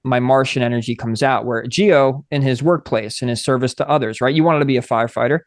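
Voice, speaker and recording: Male podcast co-host, mid pitch, close and dry sound, relaxed conversational delivery. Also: quick pace, dry recording. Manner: conversational, reads book excerpts aloud. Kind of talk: casual astrology chat.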